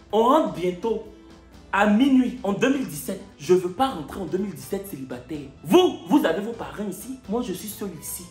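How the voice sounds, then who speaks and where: A man's voice: sits high, reverberant. A man with an Ivorian French accent, a comedian telling a story and acting out each part of the dialogue. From Côte d'Ivoire. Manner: animated, acts out every part of the dialogue. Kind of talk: comic storytelling.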